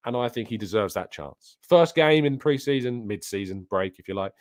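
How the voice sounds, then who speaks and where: A man's voice: on the low side, expressive, moderate pace, darkish tone, no room sound. A British man hosting a live football talk show, chatting casually and with opinions as he reads and answers viewer comments, close on a studio microphone. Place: soundproofed home studio setup. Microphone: close studio microphone on an arm with pop filter.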